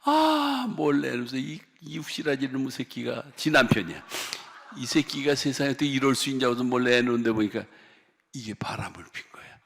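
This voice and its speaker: Gravelly male pastor preaching in a reverberant hall. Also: medium pitch, expressive, a little fast. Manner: dramatic storytelling, swinging from shouts to whispers; call-and-response with the congregation. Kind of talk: revival sermon. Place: prayer retreat sanctuary.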